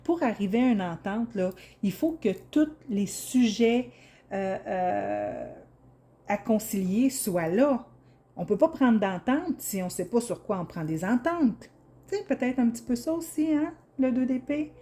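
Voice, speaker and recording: A woman's voice: a little high, very animated, measured pace, mellow. A woman with a Québécois French accent giving a casual, enthusiastic tarot reading to viewers, chatty, with many fillers and restarts. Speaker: tarot reader.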